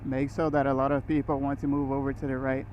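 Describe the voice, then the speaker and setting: A man's voice: medium pitch, flat delivery, quick pace. Brazilian-born man chatting while riding. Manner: rambling, with restarts and short laughs. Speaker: motorcycle vlogger. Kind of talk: casual riding commentary. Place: riding a motorcycle on city roads. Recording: muffled helmet audio with road noise.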